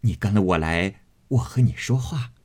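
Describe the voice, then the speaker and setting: A fawning, sly middle-aged sister-in-law from a storybook, coaxing with little chuckles, as a man puts her on. She speaks softly and sweetly, pitched a bit above his own voice. His tone stays husky. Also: animated, normal speed. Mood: wheedling. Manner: wheedling, chuckling.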